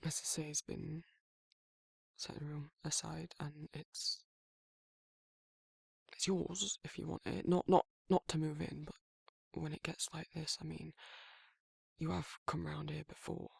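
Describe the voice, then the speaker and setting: Playing a protective werewolf in a close, very dry romantic ASMR roleplay, a man with a British accent sounds earnest and reassuring. His husky, gravelly, breathy voice is a bit high for a man and full of crackling fry. The heavily acted delivery is flat, halting and self-correcting, softly murmured, awkward, tender and shy.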